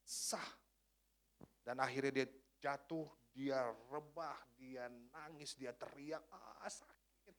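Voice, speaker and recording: A man preaching a sermon as a pastor, energetic and swinging between hushed and shouted lines. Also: mid-range voice, slow pace.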